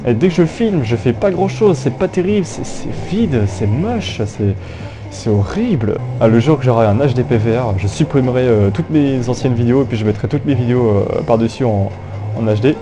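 A man's voice: mid-range voice, animated, fairly quick, over music. A young man giving casual, jokey gameplay commentary through an old phone headset, rambling with many fillers and restarts. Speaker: gaming YouTuber.

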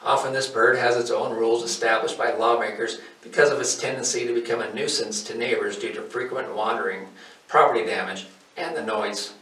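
A man in his forties, hosting a hobby farm channel, reads a scripted educational piece in a steady, informative way. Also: medium pitch, brisk. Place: indoors, in front of a wooden wall. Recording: roomy, somewhat distant mic.

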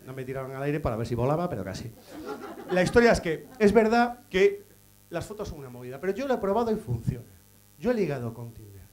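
Guy doing stand-up, high-ish voice, cheeky and crude, ribbing the crowd. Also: very animated, fast talker. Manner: cheeky, teases the audience, crude jokes. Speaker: stand-up comedian and emcee. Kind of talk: stand-up comedy set. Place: comedy stage before a live audience.

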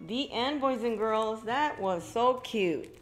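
Reading a story aloud to young children in an indoor library room with bookshelves, a middle-aged woman uses a fairly high, expressive voice at a slow pace. She adds exclaimed asides for her listeners.

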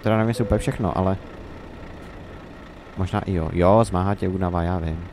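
A man's voice: deep voice, darkish tone, a little hiss or hum. A young Czech man rambling and musing to himself in casual gameplay commentary. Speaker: let's play commentator.

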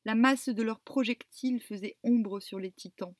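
A woman reading ancient epic poetry aloud with measured, deliberate phrasing. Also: a little high, a little mellow, no echo, clean studio sound. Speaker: reader.

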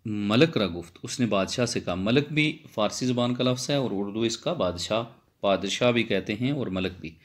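A man's voice: on the low side, animated, moderate pace. A man, a Persian lecturer, reads a Persian text phrase by phrase and explains each one again in simple words. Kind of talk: line-by-line text explanation lesson.

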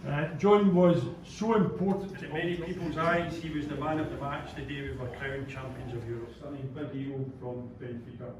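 Scottish tour guide in an echoey hall. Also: male voice, mid-range voice, fairly even intonation, moderate pace, few pauses. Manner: chatty, jokey, addresses a group. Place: large indoor trophy room. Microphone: visitor's camera from a distance. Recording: echoey room, distant, with crowd noise.

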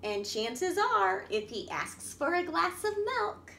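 Reading a picture book to young children, a storytime host and children's librarian speaks slowly in a very high, sing-song voice with vocal fry, expressive and full of questions for her listeners. The camera across the wooden table by a window picks up an echoey indoor room with background noise.

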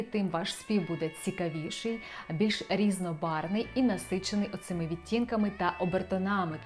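A young woman with a Ukrainian accent, a vocal coach explaining voice placement and asking her viewers rhetorical questions. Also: medium pitch. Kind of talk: vocal lesson with sung demonstrations.

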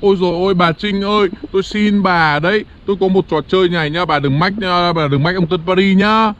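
A man's voice: high-pitched, moderate pace, lo-fi sound, very noisy, natural voice. A man playing a greedy male demon with a milk-tea cup for a head, gloating and pleading in a comedy skit. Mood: panicky pleading.

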